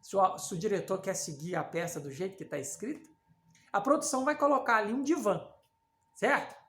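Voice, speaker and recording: A woman's voice: mid-range voice, a little fast, a bit bright. A woman literature teacher giving a recorded class, conversational, with many fillers and frequent check-ins with her students. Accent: Brazilian Portuguese. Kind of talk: recorded online class lecture. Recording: echoey room.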